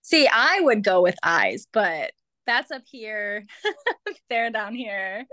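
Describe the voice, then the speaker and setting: A woman's voice: medium pitch, very animated, takes it slowly, bright, forceful tone, no echo. A young woman with a Minnesota accent, chatting playfully as a podcast guest and laughing often.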